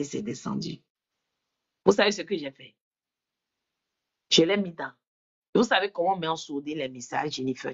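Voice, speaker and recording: Her low, slightly rough voice carries an animated testimony at a church women's gathering. She performs the quoted dialogue and addresses questions straight to the listeners, though the audio is dull.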